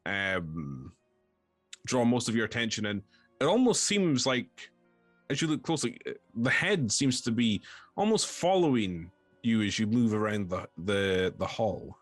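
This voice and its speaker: Man as game master, hesitant scene narration, lively pitch, dry close sound, faint music under. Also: measured pace, no room sound. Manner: hesitant, many ums and restarts, descriptive.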